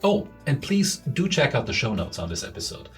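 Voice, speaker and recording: A man's voice: mid-range voice, big pitch swings, a little fast, soft background music. A man hosting a podcast who earnestly asks for listener support and introduces his guest, repeating words for emphasis. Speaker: podcast host. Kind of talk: podcast host appeal and introduction.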